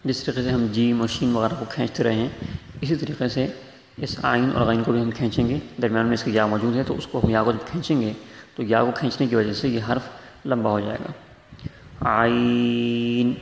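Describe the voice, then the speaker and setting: A man's voice: medium pitch, vocal fry. A man teaching Quran recitation, explaining letter sounds patiently and stretching out demonstrations. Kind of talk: tajweed lesson. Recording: echoey room with faint noise.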